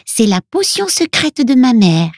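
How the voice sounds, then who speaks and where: A woman's voice: fairly high pitch, very animated, measured pace, dry recording, studio quality, pitched above the performer's own voice, exaggerated voice. A woman voicing Luna, a tearful little girl who is a witch's daughter, speaking in an earnest childlike way in a storybook reading.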